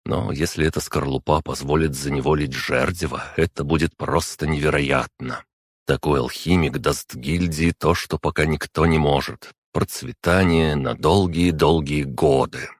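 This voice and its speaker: A man reading a fantasy novel aloud as audiobook narrator, steady and measured, close on the mic. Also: a bass voice, breathy edge, no echo. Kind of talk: scripted narration.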